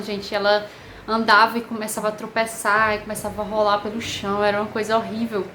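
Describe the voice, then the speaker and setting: A woman with a Brazilian Portuguese accent, telling a personal story to camera in an emotional, halting way with many pauses. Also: on the high side, a bit bright, slight background noise. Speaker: vlogger. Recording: echoey room with faint ambience.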